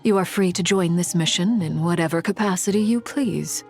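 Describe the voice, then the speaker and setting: A woman voicing a low steady adventurer. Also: normal speed, faint music behind, close to an everyday voice. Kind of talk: video game voice acting.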